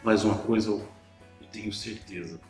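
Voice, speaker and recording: A man's voice: fairly low pitch, fairly even intonation, normal speed, a little mellow, echoey room, faint music behind, rough recording. A man preaching a sermon, asking the listeners rhetorical questions and often repeating words as he restarts a thought.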